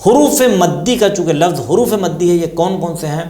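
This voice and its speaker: Man with an Indian Urdu accent, slightly high voice, patient lesson explanation, repeats key terms, echoey room. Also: lively intonation, mellow, soft background music. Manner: patient, repeats key terms, asks and answers own questions. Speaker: tajweed teacher.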